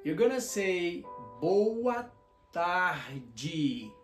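A man's voice: sits high, sing-song. A man teaching vocabulary in a bilingual lesson, repeating each word and checking in with "ok?". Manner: repeats words slowly, checks in with "ok?". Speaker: language teacher. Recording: roomy echo, faint guitar music.

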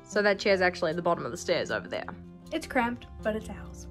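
This young New Zealand vlogger has a lowish voice with big pitch swings and a quick pace. She gives a chatty indoor tour of her house room by room, full of wry asides, filming on a phone at arm's length over soft background music.

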